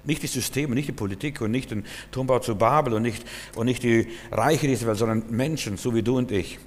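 A man's voice: medium pitch, fairly quick. A man preaching a sermon in German, earnest and repetitive, speaking straight to the listener. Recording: long reverb, hall.

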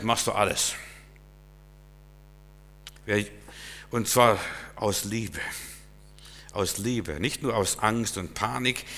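A male preacher giving a sermon, emphatic and swinging between loud stresses and quiet asides. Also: lowish voice, long reverb tail.

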